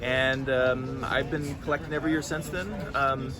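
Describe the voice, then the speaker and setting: Speaking at a moderate pace in a level, mid-range voice, a Californian farmer in his thirties is interviewed as a guest outdoors at a farmers market. He answers earnestly but restarts often, while street noise and traffic carry on around him.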